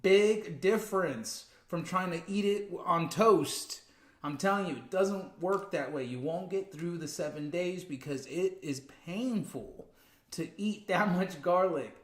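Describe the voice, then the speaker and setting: A man co-hosting a casual spiritual livestream, emphatic and quick to laugh. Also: sits high, echoey room. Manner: animated, laughs often, emphatic. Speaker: co-host.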